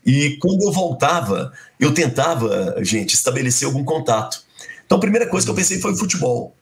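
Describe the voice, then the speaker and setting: A man's voice: fairly high pitch, fairly quick. A middle-aged man from Belo Horizonte, telling a personal story in a conversation and acting out the dialogue as he goes. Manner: animated, acts out quoted dialogue. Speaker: guest.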